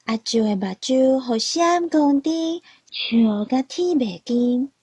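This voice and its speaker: A woman narrating a children's story in a slow, gentle storytelling manner. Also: high-pitched, expressive, husky, no room sound.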